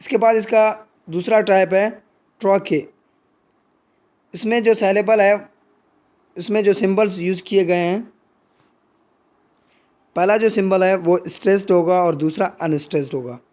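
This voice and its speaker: A male teacher with a high voice takes his time through the lesson. He reads each English definition at a crawl and then explains it in Hindi. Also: fairly even intonation, a little slow, pauses often, darkish tone. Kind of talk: Hindi lecture on English poetry.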